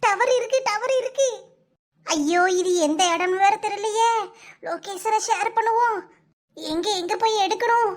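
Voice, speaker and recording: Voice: very high voice, unhurried. A performer voicing a kidnapped village housewife in a cartoon, wailing and cursing in a Tirunelveli Tamil accent. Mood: fearful praying. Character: kidnapped village housewife, shrill and foul-tempered. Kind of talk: cartoon voice acting.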